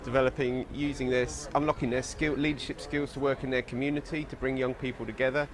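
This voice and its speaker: A man's voice: mid-range voice, level tone, fast talker, crowd noise. A man from a youth charity explaining its work in an interview, earnest and sometimes searching for words, recorded outdoors at a cricket ground. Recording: outdoor recording with clear background noise.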